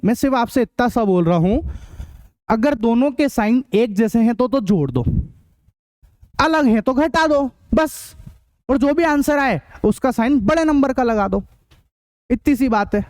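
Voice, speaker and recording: A man teaching a math class, drilling rules and quizzing students with quick questions, sometimes blunt and scolding. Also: very high voice, expressive, darkish tone, no room sound. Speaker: math tutor. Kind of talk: online class lecture.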